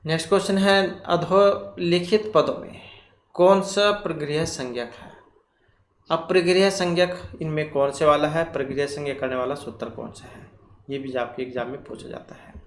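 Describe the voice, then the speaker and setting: A man teaching Sanskrit grammar for exam preparation. He works through quiz questions slowly and deliberately, asks himself questions and repeats the key terms. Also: on the high side, steady tone. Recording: echoey room, faint ambient noise.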